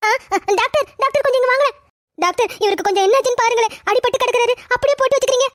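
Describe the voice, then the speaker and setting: A woman's voice: very high-pitched, rapid-fire, no echo, clean studio sound. A woman playing a nagging, scolding middle-aged village wife and mother. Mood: anxious.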